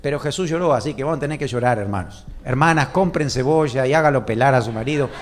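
A man preaching a sermon to a congregation. He shifts between loud, emphatic lines and soft, hushed asides, and asks the listeners questions. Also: mid-range voice, fast. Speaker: pastor.

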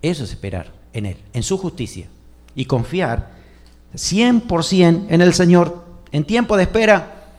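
Spanish-speaking preacher with a raised voice. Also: male voice, on the high side, lively intonation, unhurried. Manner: swings between loud emphatic lines and soft, hushed asides; asks the congregation questions. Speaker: pastor. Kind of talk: sermon.

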